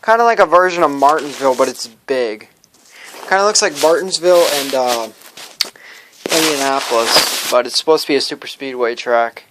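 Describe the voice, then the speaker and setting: A man's voice: mid-range voice, moderate pace, noisy background. A man casually showing his hobby collection to viewers, rambling and stumbling over his words as he goes. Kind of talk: casual show-and-tell vlog.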